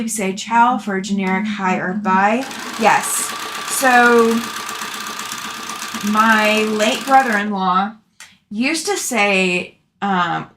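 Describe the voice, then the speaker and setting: A chatty woman from Alabama in the southern US hosts a sewing livestream, reading out viewers' comments and answering them in a casual, affectionate way. Her voice is mid-range and a bit bright.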